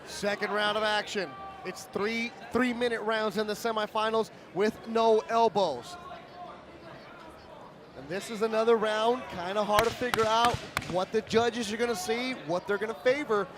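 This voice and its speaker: Male live sports play-by-play, very high-pitched voice, crowd behind. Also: fairly even intonation, moderate pace. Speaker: fight play-by-play announcer.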